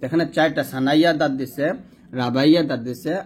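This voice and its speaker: A man teaching Quran recitation step by step, slowly sounding out Arabic letters and explaining how each is pronounced while pointing at a diagram. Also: fairly high pitch, steady tone, breathy edge.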